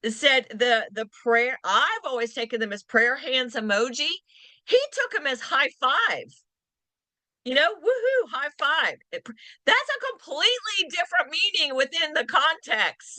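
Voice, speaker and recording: A woman leads a real estate continuing education class in a high, animated, bright and crisp voice, dipping and slowing to stress key points. She's lively and acts out quoted lines in varied voices. The recording is dry and close, with little room sound and no echo.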